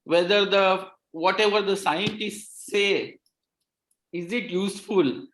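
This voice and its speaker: A man who is a pathology resident gives earnest, halting advice on an online panel, with many restarts. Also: high-pitched, fairly even intonation, fairly bright tone. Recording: roomy echoey audio.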